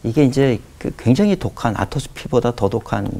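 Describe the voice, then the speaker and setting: Man in his 50s, pastor, gravelly voice, warm dark tone, earnest testimony with faint music behind. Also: mid-range voice, lively intonation, moderate pace. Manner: earnest storytelling, acting out his own past prayers. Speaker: pastor, guest. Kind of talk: testimony in a talk-show interview.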